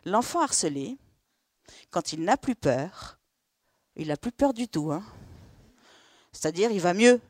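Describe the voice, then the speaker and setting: A middle-aged woman from France, a therapist, telling lively stories to an audience and acting out the dialogue. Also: lowish voice, no room sound, studio quality. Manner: lively, acts out dialogue with quick asides. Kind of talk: storytelling talk to an audience.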